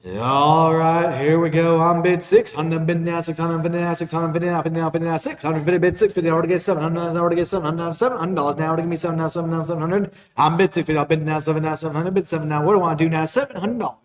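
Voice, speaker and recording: A male auctioneer with a fairly high voice chants numbers and bid calls in a repetitive rhythm. He sounds somewhat away from the mic, and the room rings clearly around him. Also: fairly even intonation, fast talker, hardly any pauses. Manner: repetitive rhythmic bid calling between plainly announced lots. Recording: roomy echo, distant from the mic.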